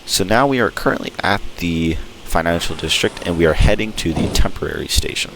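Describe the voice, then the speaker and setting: A man's voice: low-pitched, a little fast. A man giving an enthusiastic, informal walkthrough commentary as host of a gameplay video. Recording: clear background noise.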